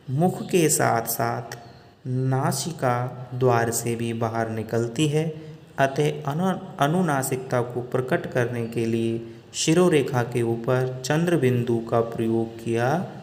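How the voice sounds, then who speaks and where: A man teaching Hindi grammar in a slow, deliberate lesson, drawing out each example sound. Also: mid-range voice, darkish tone. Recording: echoey room with long reverb.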